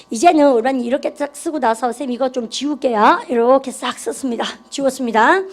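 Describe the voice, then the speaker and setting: A woman with a high, somewhat dark voice teaches an English grammar class, cheering her students on and guiding them through call-and-response drills. She is encouraging and repetitive, refers to herself as 쌤, and speaks in a classroom lecture style.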